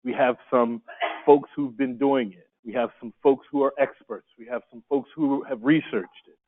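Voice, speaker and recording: A man leads a group discussion at a workshop in a conference room, putting questions to the room in an upbeat, coaxing way. His mid-range voice has fairly even intonation and a moderate pace. The recording sounds tinny, like a phone.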